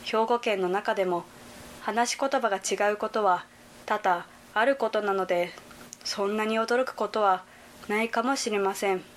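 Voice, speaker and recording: A young woman from Hyogo narrating a prepared report, reading in a careful, measured way. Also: mid-range voice, slight background noise. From Hyogo Prefecture, Japan. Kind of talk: scripted narration.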